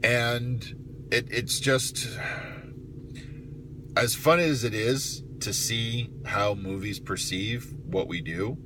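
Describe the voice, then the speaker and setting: A middle-aged man telling a story in a casual vlog monologue, matter-of-fact and emphatic, with halting pauses. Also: medium pitch. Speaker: private investigator telling of the job. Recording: clear steady car noise.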